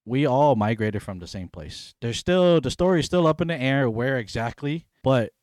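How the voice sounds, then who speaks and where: A man's voice: mid-range voice, animated, moderate pace, darkish tone, no room sound, studio quality. A young man from Hawaii co-hosting a podcast, talking in an easygoing, chatty way with lots of "you know". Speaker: podcast co-host. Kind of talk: casual chat.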